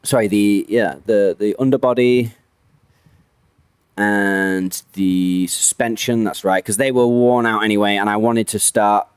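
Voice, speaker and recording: A man's voice: fairly low pitch, steady tone, unhurried, clear, resonant tone, dry recording. A man giving casual, rambling commentary on a racing game, often correcting himself mid-sentence. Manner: rambling, self-correcting, chatty.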